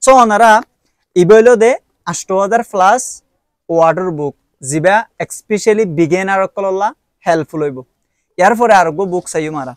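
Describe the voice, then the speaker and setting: A man's voice: high voice, moderate pace, no echo, studio quality. A young man with a Rohingya accent, casually reviewing and promoting books, explaining step by step with frequent hesitations. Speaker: book reviewer. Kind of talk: casual spoken product review.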